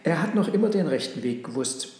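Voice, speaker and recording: A man voicing a gentle, trusting young mother who speaks reassuringly in a storybook reading. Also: fairly high pitch, expressive, a little fast, reverberant, natural voice.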